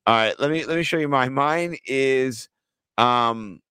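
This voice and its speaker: Excitable laughing man co-hosting a podcast. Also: medium pitch, measured pace, clean tone, no echo. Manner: laughs often, animated and excitable when amused. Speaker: podcast co-host. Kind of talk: casual chat.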